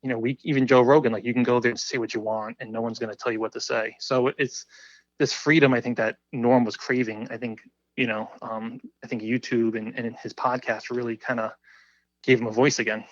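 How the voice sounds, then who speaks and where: A man chats as a podcast guest, rambling and leaning on "you know" and "like." His voice sits at an average pitch. The recording is dull, lo-fi and muffled, but close and dry. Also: little pitch movement, brisk, no room sound. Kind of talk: casual conversation.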